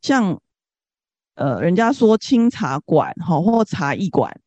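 Female interview guest, Singaporean accent. Reflective, casual delivery with animated pitch movement and a soft, dark tone. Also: slow, dry recording. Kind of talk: conversational interview, reflective sharing.

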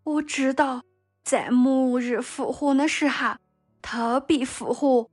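An urgent, pleading Martha in a storybook tale, as a woman narrator puts her on. The voice sits high and grieving, with a slow, deliberate pace and soft music faintly behind. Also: steady tone.

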